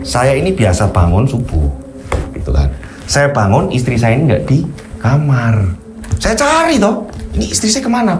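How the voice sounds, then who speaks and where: A male storyteller recounts an eerie tale in the first person, animated and often turning to address his listener. His pitch is lively and varied, with faint background music underneath. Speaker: storyteller host.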